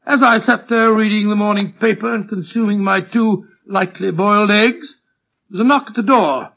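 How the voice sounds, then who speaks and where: Doctor Watson, high husky blustery gentleman. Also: fairly even intonation, normal speed, heavily acted. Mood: storytelling. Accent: British. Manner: bumbling, repeats himself. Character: genial, blustery, easily flustered older gentleman doctor. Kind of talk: 1940s radio acting. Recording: muffled old radio recording.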